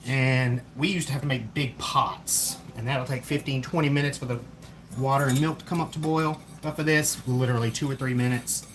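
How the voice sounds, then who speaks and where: A man's voice: medium pitch, fairly even intonation, fairly quick, noisy background. A man talking through a recipe in his home kitchen, easygoing and explaining each step while chatting with his child. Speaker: home cook streaming a recipe. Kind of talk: casual cooking demonstration. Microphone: phone camera. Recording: kitchen clatter and a screaming parrot behind.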